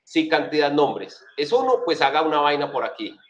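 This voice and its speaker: A man's voice: fairly high pitch, sing-song, normal speed, muffled recording, slight background noise. A man with a Colombian accent giving a casual, chatty programming lesson, walking through his code with plenty of slang and repeated check-in questions to his students. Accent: Colombian Spanish. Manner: chatty, slangy, asks "right?" often. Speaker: programming instructor. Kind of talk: casual screen-share coding lesson.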